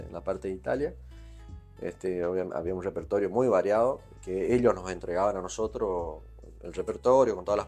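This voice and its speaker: A man's voice: sits low, husky. A man from Corrientes, Argentina, with an Argentine accent, telling his life story in a casual interview and filling his talk with "¿viste?". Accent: Argentine Spanish, Corrientes. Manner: rambling anecdotes peppered with "¿viste?". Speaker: guest musician.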